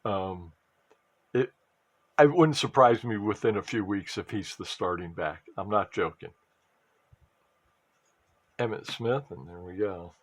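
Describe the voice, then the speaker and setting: A man's voice: lowish voice, a little slow, long pauses. A man chatting casually while opening a pack of sports cards, rambling with restarts and trailing asides. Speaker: sports card collector and fantasy football vlogger.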